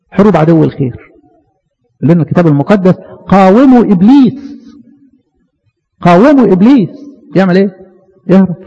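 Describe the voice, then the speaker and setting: A man with an Egyptian Arabic accent preaching a fervent sermon, asking his listeners questions and slowing down to quote scripture. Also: high voice, gravelly, mellow, big-room sound, highs cut off.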